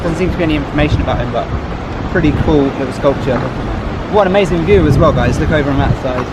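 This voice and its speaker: A man's voice: fairly high pitch, quick pace. A man presenting a travel vlog in a casual, conversational way, talking to viewers outdoors. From Europe. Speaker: travel vlogger. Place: outdoors in a city. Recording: outdoor street noise and traffic.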